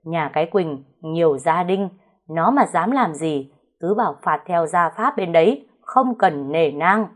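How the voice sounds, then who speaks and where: A woman voicing a harsh old male family patriarch who scolds slowly and threateningly. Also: fairly high pitch, expressive. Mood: furious.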